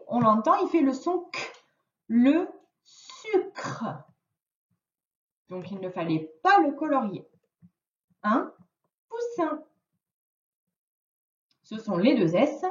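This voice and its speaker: French-accented woman teacher, slightly high voice, slow dictation, lo-fi echoey recording. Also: recorded from a distance. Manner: slow, deliberate word-by-word dictation. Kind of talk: recorded reading and spelling lesson for a child. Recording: dull lo-fi sound in an echoey room.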